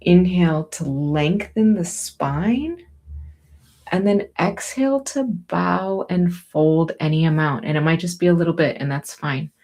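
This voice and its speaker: With a lowish voice, a female instructor takes listeners through yoga and breathing, soothing and unhurried as she encourages every movement.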